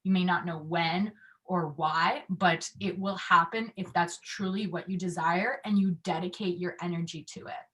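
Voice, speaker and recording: A woman's voice: on the low side, steady tone, normal speed, a bit bright. A woman in casual conversation who talks reflectively, with loose phrasing and lots of "like".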